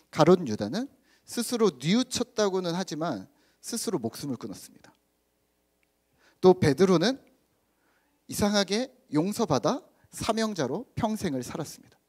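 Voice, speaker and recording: A man, a pastor, delivering a sermon and acting out the quoted lines of scripture. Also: a little high. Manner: lively, acts out quoted lines in raised voice. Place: church.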